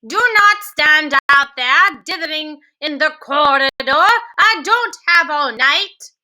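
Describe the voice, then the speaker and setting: A woman reading aloud, voicing an imperious, ill-tempered chief witch who snaps her words out slowly. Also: sits high, lively intonation, pushed and bright, full character voice. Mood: impatient. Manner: snappish, slow and commanding.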